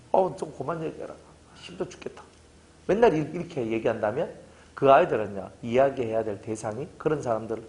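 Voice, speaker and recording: A pastor giving a casual sermon, telling stories and acting out both sides of conversations. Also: male voice, medium pitch. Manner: lively storytelling preacher, acts out dialogue.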